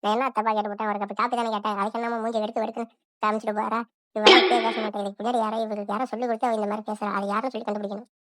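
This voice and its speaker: A woman's voice: medium pitch, flat delivery, rapid-fire, a bit bright, close to an everyday voice. A woman voicing a nagging, suspicious old mother-in-law in a cartoon, with a scolding, complaining manner. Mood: grumbling. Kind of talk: cartoon voice acting.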